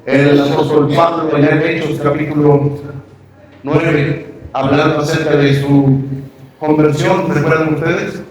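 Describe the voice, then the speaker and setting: A man's voice: on the high side, level tone, a little slow. A man, preaching a sermon and asking the congregation questions. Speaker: pastor. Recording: echoey hall, mic far off.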